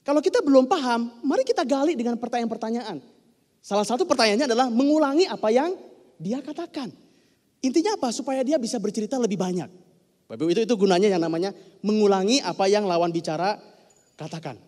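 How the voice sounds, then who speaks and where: A male pastor preaching a sermon, speaking lively and turning to the congregation with frequent direct questions. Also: extremely high pitch, quick pace. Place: church. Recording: long reverb of a church hall.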